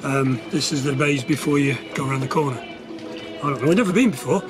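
A man on a sailboat giving relaxed, matter-of-fact updates for his sailing vlog. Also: medium pitch, a little fast, music in the background. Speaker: sailing vlogger, skipper. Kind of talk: casual chat. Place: on a sailboat at sea, outdoors. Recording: wind and water noise outdoors.

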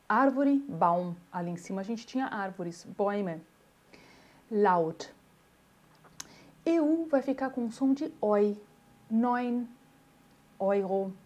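A woman, teaching a German pronunciation lesson and saying example words slowly and repeating them. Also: mid-range voice, a little mellow, muffled recording.

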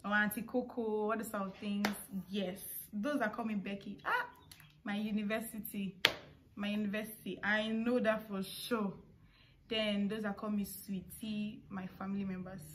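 A young Nigerian-accented vlogger speaks with a flat delivery at a moderate pace in a mid-range voice. She chats casually to camera, responding to questions with informal asides. The scene is a family house's living room indoors, with clear household background noise.

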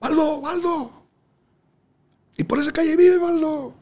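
Young male heckler, as a man puts him on. Squeaky, very high, taunting. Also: steady tone, measured pace, darkish tone. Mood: eager. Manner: squeaky, mocking, much higher than normal.

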